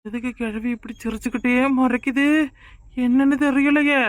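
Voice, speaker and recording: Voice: high-pitched, fairly even intonation, moderate pace, no room sound, clean studio sound, natural voice. A voice actor playing a cowardly, blustering drunk man in a cartoon, panicky and defensive. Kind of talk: cartoon voice acting.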